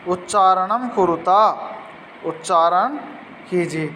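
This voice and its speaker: A man's voice: sits high, slow pace, pushed and bright, big-room sound, a little hiss or hum, low-quality recording. A man teaching a Sanskrit lesson, patiently explaining words and asking pupils questions.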